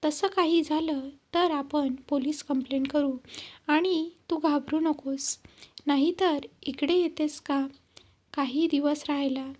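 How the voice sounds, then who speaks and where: A woman's voice: sits high, steady tone, slow, darkish tone. A woman voicing a protective father who reassures his daughter over the phone. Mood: reassuring.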